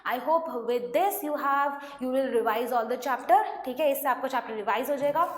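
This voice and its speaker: High-voiced teacher in an echoey room. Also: female voice, unhurried. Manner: explains with questions, mixing Hindi and English. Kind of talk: online class lecture. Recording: echoey room, faint noise.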